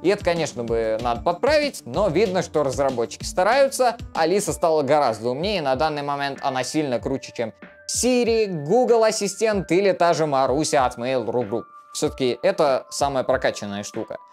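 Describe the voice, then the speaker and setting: Animated young man reviewing gadgets. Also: a little high, fairly quick, faint music behind. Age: young adult. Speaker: tech reviewer. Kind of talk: casual gadget review to camera. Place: small furnished room indoors. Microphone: clip-on lapel mic.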